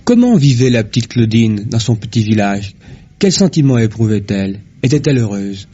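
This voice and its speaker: A man's voice: on the low side, very animated, moderate pace, mellow, husky. A man asking formal, polite interview questions, heard from an old worn tape archive. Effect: old worn tape archive recording. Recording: dull lo-fi old tape with faint music.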